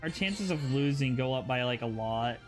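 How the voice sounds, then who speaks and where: A man's voice: mid-range voice, expressive, normal speed. A man chatting and grumbling while he streams a game, talking about himself in a self-deprecating way into a new streaming mic. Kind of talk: casual gaming livestream commentary. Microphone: new streaming microphone. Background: game music and sound effects.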